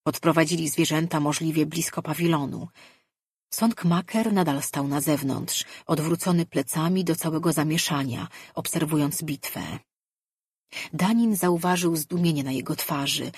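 Husky audiobook narrator, measured fantasy read, dry close mic, mid pitch. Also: dry recording. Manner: measured, even storytelling.

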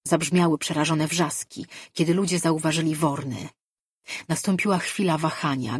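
Husky voice, dry audiobook narration. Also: medium pitch, no echo. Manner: measured, even storytelling. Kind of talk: scripted fantasy narration.

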